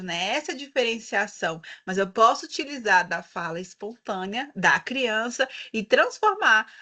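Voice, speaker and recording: A Brazilian woman leading a teacher training session, speaking expressively and stretching words for emphasis. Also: on the high side. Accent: Brazilian Portuguese. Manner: lively, expressive, drawn-out emphasis.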